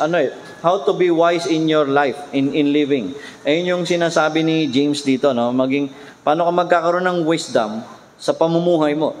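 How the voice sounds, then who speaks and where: High-voiced pastor in a reverberant hall. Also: male voice, a little hiss or hum. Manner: conversational preaching, asks "di ba?" often, slows for scripture. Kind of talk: sermon.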